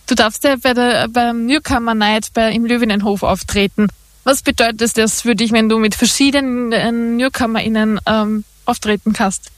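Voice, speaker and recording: A woman's voice: fairly high pitch, steady tone, moderate pace, no echo. A woman radio presenter asking a guest friendly interview questions, with a few fillers as she goes.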